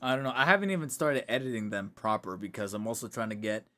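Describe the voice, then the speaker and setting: On a casual livestream from his home room, a man talks fast with lively intonation, his rather low voice pushed and bright. He's chatty and rambling, keeps correcting himself, and starts to sound tired, all captured by a desk microphone.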